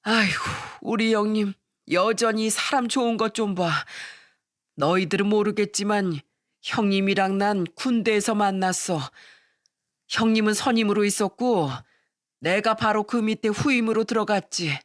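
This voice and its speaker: A woman's voice: mid-range voice, normal speed, no echo, clean studio sound, close to an everyday voice. A woman reading the part of a remorseful man in his sixties, talking in an emotional, pleading way, for an audio story. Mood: reminiscing.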